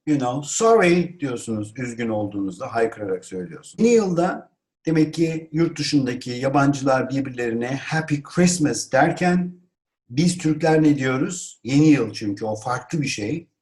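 A man teaching an online language lesson, calling out example phrases loudly and then explaining them calmly to viewers he addresses as friends. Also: medium pitch, moderate pace. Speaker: English teacher.

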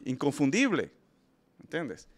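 A man hosts a film review show, offering opinionated, casual commentary and speaking emphatically straight to his listeners while frequently restarting sentences. His voice is on the high side, with wildly swooping pitch and a slow pace.

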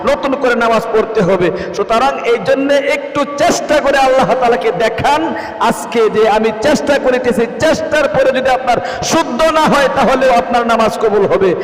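Man, high pitch, earnest prayer teacher, long hall reverb. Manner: earnest, coaxing, repeats phrases word by word. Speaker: religious teacher. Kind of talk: prayer recitation lesson. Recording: roomy echo with long reverb.

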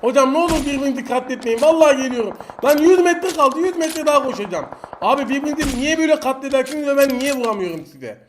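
A man commentating his own mobile battle royale match in Turkish-accented speech, excitable and taunting the opponents he fights. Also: very high-pitched, racing, a little hiss or hum. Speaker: mobile game streamer. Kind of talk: live gameplay commentary.

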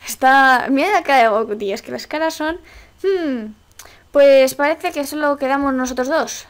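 A woman from Spain with a Spanish accent, giving excitable, exclamatory Let's Play commentary and swearing casually. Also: sits high, normal speed. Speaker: gaming YouTuber.

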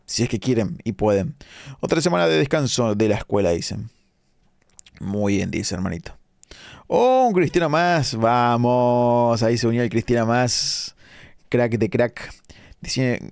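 A man's voice: medium pitch, vocal fry, a little mellow, no echo, studio quality. A young Argentine man with a Rioplatense accent, streaming a game late at night and chatting with viewers as he reads out their comments. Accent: Rioplatense Argentine Spanish. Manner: chatty, reads chat comments aloud, quick asides. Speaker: live-streaming gamer. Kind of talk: casual live-stream commentary reading chat.

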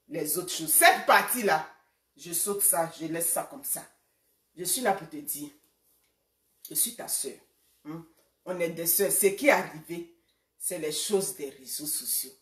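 A woman in her forties, a social media personality, casually addresses a rival, retelling past exchanges in quoted form and calling for reconciliation. Her voice is fairly low and fairly bright, recorded from a distance in an echoey room.

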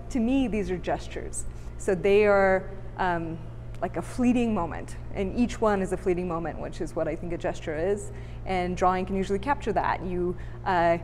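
A woman's voice: lowish voice, darkish tone. Woman artist talking through her work in a big gallery, long echo, bit of hum behind her. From Bulgaria. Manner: thoughtful, reflective, with frequent fillers. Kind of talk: gallery interview. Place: large art gallery indoors. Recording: reverberant gallery, faint hum.

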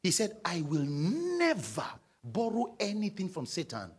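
Animated Nigerian pastor preaching to a congregation. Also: male voice, a little slow, husky. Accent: Nigerian English. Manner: call-and-response preaching, prompting the congregation to read aloud; paces the stage, swings between loud emphasis and low asides. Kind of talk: sermon. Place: large church auditorium stage. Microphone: handheld mic.

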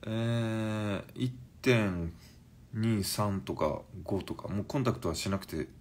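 A man in his forties chatting on a live stream and reading viewer comments, in a languid, drowsy-sounding, unhurried way. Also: fairly low pitch, slight background noise. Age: 40s.

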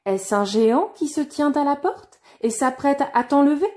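A woman reading the lines of a kindly but firm old king, a father, in a fairy tale, in a gentle, measured way. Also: sits high, expressive, pitched above the performer's own voice. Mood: concerned. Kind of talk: storybook reading.

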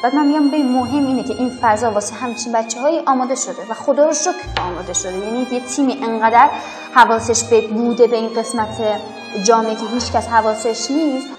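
A young woman from Afghanistan, a schoolteacher, talking earnestly and reflectively in a documentary interview. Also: fairly high pitch. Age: young adult. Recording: roomy echo with violin music over it.

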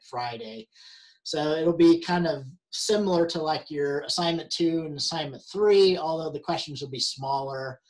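A man instructor talks through an online help session at a middle pitch. He stumbles and restarts often, filling gaps with ums. His voice is wearing out. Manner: halting, many fillers and restarts. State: losing his voice. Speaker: university instructor.

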